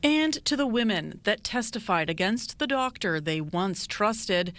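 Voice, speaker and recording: A woman, a television reporter narrating a news story in a measured, formal way. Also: mid-range voice, expressive, a bit bright.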